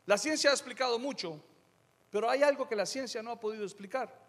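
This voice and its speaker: A middle-aged male pastor delivers a sermon in a notably high voice. He preaches emphatically, dropping to quiet asides and then rising to loud declarations. His voice rings with the long reverb of a large hall. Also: fast talker.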